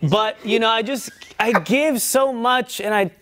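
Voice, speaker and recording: A man's voice: extremely high pitch, a little slow, over a noisy crowd. A young man on a dating game show, joking about himself and tripping over his words. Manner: self-mocking, trips over words. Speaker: contestant. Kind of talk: joking banter.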